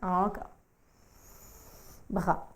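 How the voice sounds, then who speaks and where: A woman, working as a yoga teacher, calmly cueing breath and movement through a core workout. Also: slight background noise. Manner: calm, slow cueing of breath and movement, addressing the listener informally.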